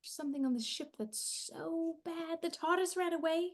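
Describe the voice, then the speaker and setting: A woman's voice: extremely high pitch, moderate pace. A woman voicing Donna, a fierce, blunt companion, in a fan audio drama. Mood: defiant. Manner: blunt and combative, shouts when angry.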